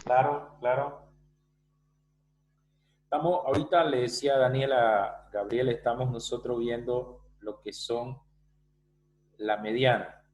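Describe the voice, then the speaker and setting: A man's voice: medium pitch, darkish tone, low-quality recording. A male teacher giving an online math lesson, explaining step by step and often checking that students follow. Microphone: video call.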